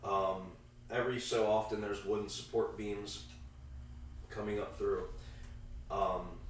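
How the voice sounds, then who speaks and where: A man with a gravelly, congested voice, casually and haltingly narrating a tabletop game as game master. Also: on the low side, little pitch movement. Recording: echoey room, far from mic, faint noise.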